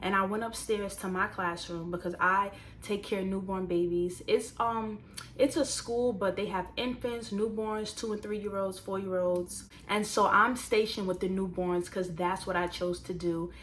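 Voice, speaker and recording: A woman in her twenties, casually telling a personal story to viewers and turning it into motivational advice, animated and talking straight to the audience. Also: mid-range voice, moderate pace, a little hiss or hum. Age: 20s. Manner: animated, conversational, addresses viewers directly. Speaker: vlogger.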